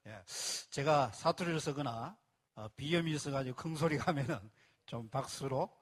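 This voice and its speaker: In a mid-range voice at a moderate pace, a man addresses a live audience about a membership plan. He breaks it down step by step, repeats the key phrases, and prompts listeners to applaud.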